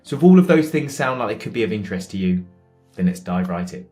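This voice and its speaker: Low-voiced upbeat podcast host, a man. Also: lively intonation, fast, a little mellow, faint music behind. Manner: upbeat, welcoming, with some fillers. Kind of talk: podcast introduction and interview.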